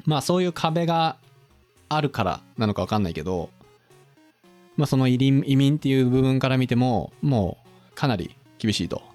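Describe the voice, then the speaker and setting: A man of middle pitch talks through economics in a casual, explanatory way. His voice swings lively up and down as he quizzes his co-host. Soft music plays faintly underneath. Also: normal speed.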